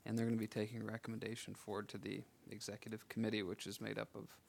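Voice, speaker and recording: A man on staff explaining a committee process in a flat, informative way. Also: lowish voice, rapid-fire, vocal fry, a little hiss or hum.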